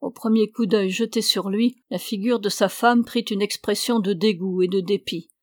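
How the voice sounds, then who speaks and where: A woman narrating a novel as an audiobook in a steady, measured reading. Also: mid-range voice, no room sound, studio quality.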